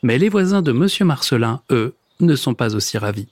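A man narrating a children's story in a lively, expressive reading with playful sound words. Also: medium pitch, a little fast, dry recording. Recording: background noise.

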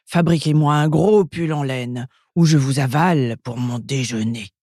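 A woman's voice: a bass voice, unhurried, warm tone, dry recording, studio quality, full character voice. A woman growling as a grumpy bossy ogress. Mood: grumbling. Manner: growling, gruff and menacing. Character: grumpy bossy female ogre. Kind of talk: children's storybook reading.

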